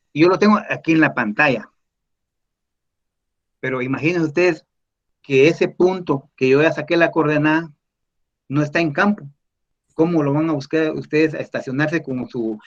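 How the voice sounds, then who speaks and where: A man teaching surveying in an online class, explaining slowly and patiently over a video call. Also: a little high, lo-fi sound. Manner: slow, explanatory, addresses listeners as "mis estimados". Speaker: surveying instructor answering questions.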